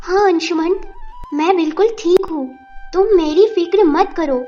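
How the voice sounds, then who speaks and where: A woman as a gentle young wife, very high voice. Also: unhurried, dull audio, faint music behind. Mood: hesitant. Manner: soft, hesitant. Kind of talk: Hindi audio drama acting.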